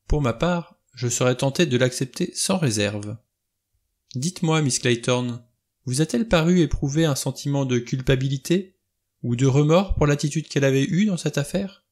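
A man reading a novel aloud, voicing an elderly judge who speaks in a calm, formal, deliberate way. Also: medium pitch, voice pushed up, lightly acted. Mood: measured.

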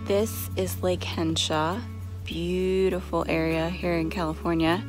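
A Texas woman in her thirties, a family travel vlogger, chats casually to a phone held at arm's length outdoors in windy desert spots and lookouts, with music underneath. Her voice is lowish and a little slow with little pitch movement, and she tosses in playful mock news-reporter asides.

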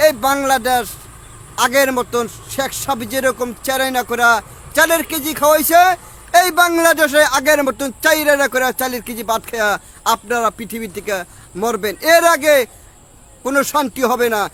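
A man's voice: extremely high pitch, a little slow, bright, forceful tone. A man with a Bangladeshi Bengali accent in a street interview, giving a rambling, belligerent drunk-sounding rant and insistently repeating himself. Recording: street noise behind the voice. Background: outdoor traffic and street ambience.

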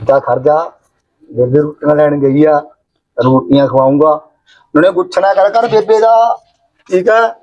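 An actor playing a naive, simple-minded grown son who talks in a rambling, childlike way. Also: male voice, on the high side, measured pace, long pauses, a little mellow, dull audio, a little hiss or hum, lightly acted. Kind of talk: village short-film acting.

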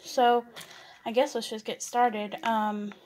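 A woman's voice: fairly high pitch, flat delivery, takes it slowly, darkish tone, a little hiss or hum. A young woman vlogger chatting casually while eating, rambling with lots of fillers and restarts.

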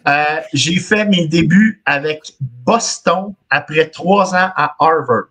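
A man's voice: fairly high pitch, takes it slowly, fairly bright tone, husky. A man in his thirties with a Quebec French accent hosting a casual podcast quiz over a video call, reading clues in the first person and laughing often. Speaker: quiz host. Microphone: video call webcam.

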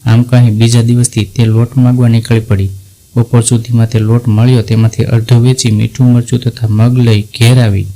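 A man reads a devotional folk story aloud, keeping his delivery level and unhurried. His voice sits in a mellow, darkish register and barely rises or falls, so the story moves along in one steady line. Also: medium pitch, poor audio. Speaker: narrator. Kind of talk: scripted devotional story narration.

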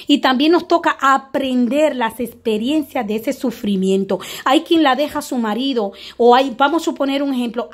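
A woman who works as a spiritual medium, giving spiritual and money advice straight to her viewers and often tagging her points with a questioning "eh?". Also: high voice. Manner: preachy, addresses viewers directly with frequent "eh?"; acts out little dialogues in her talk.

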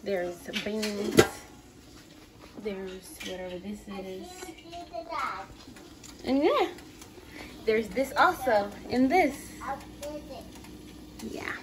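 Young woman vlogger, unhurried rambling chat on a handheld phone, loud background noise. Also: mid-range voice. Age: young adult. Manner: relaxed, rambling, with filler words. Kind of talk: casual vlog chat. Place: home, kitchen and bedroom indoors. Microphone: phone held at arm's length.

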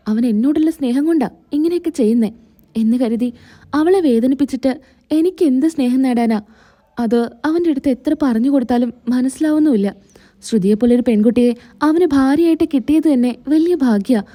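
A woman's voice: high-pitched, dark tone. A woman retelling a serial, voicing a stern but caring elder sister who scolds earnestly. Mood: tearful.

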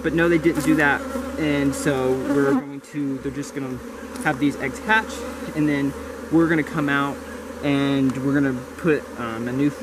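Young man, homestead vlogger, outdoor camera audio, insects buzzing loudly behind, rambling explanations. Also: mid-range voice, fairly even intonation, measured pace, noisy background. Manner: rambling, self-correcting explanations. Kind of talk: casual vlog narration. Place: outdoors in a garden among bushes and beehives. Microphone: camera mic, handheld or close framing. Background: buzzing bees and insects.

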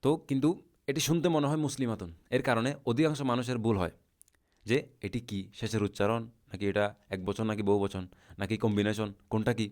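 A man teaching a recorded language lesson, patiently repeating word forms slowly for his students. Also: lowish voice, darkish tone. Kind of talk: recorded lesson explaining a chart.

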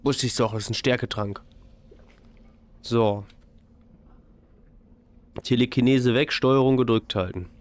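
Faint game sounds sit behind a man in his thirties doing casual let's play commentary from his desk indoors, speaking into a close boom-arm microphone with a headset. His tone is joking, colloquial, and mock-exasperated, and his medium-pitched voice stays fairly even, a little slow, with frequent pauses.

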